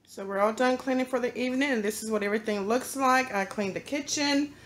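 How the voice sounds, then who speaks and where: A woman's voice: fairly high pitch, fairly quick, slight background noise. A woman, chatting casually to her viewers while she cleans her small home kitchen and living room. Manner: chatty, talks straight to the viewers. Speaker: cleaning vlogger. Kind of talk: casual vlog chat.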